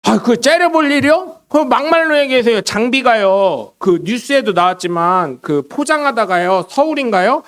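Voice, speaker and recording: A middle-aged man preaching a sermon in a church, telling stories with lively swings between loud bursts and quiet asides. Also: extremely high pitch, moderate pace, hardly any pauses. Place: church sanctuary.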